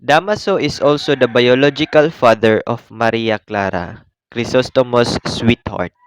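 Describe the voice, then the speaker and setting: A young man with a Filipino accent, reading a class presentation in a measured, formal way. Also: mid-range voice, slight background noise. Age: young adult. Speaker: student presenter.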